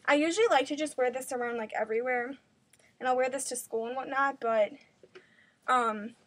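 A woman's voice: high voice, moderate pace, fairly bright tone. A teenage girl chatting casually in a home video, rambling with lots of fillers, a little out of breath. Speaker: vlogger. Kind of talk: casual vlog showing her dance bag.

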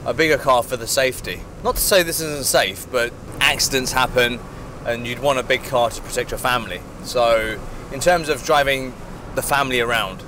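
Man in his thirties, easygoing joking chat, open-top car, loud traffic noise. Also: medium pitch, normal speed. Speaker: vlog co-host. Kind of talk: casual chat. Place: open-top car outdoors on city streets.

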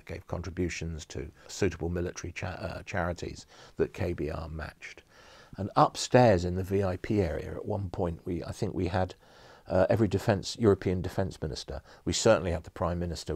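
A man's voice: sits low, darkish tone, breathy edge, no echo. A middle-aged man, an event producer, telling enthusiastic rambling anecdotes in an interview studio. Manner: enthusiastic storyteller, rambling with restarts. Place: studio with empty audience chairs.

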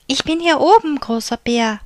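A woman voicing a small, eager young bear cub in a storybook, with high, bright, childlike calls. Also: sing-song, a little slow, no room sound. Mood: eager pleading.

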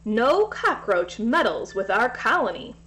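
A woman's voice: a little high, very animated, measured pace, pushed and bright, heavily acted. Woman doing a bossy ant queen, barks orders, kinda stern. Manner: barking, commanding.

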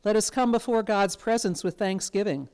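A woman serving as lector, giving a formal scripture reading in a church in a measured, even way. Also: medium pitch.

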